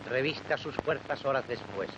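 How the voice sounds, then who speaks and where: A man's voice: medium pitch, moderate pace, heavy background noise. A man narrating an old newsreel in a declamatory, emphatic manner, heard on an old film soundtrack. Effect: old newsreel recording.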